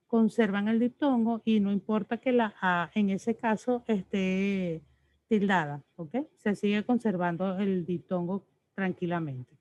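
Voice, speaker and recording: In an online class lecture, a woman teacher with a mid-range, darkish voice patiently explains spelling and pronunciation rules, often checking in with "ok?". There's no echo, though the lo-fi audio sounds slightly dull.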